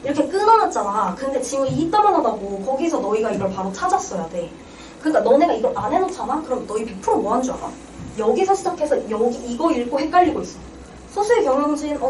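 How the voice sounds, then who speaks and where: A young Korean woman tutoring reading gives an exam-prep lecture, quizzing her students and then answering her own questions. Her voice sits high with a darkish tone, picked up by a roomy, distant mic with clear background noise.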